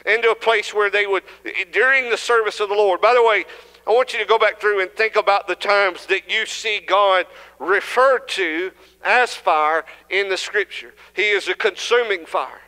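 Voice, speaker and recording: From the pulpit, a young man speaks at a moderate pace in a high, bright, forceful voice with a Southern US accent. His earnest sermon grows more intense as he goes, with frequent restarts, and the church hall adds reverb.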